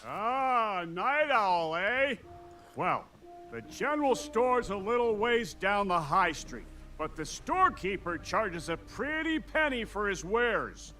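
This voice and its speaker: A man's voice: high-pitched, big pitch swings, slow, sharp tone, faint music behind, full character voice, poor audio. An actor playing a salty, cheeky pirate townsman in a video game, gossiping in a theatrical, folksy, wry way. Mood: wry, helpful. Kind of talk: video game character dialogue.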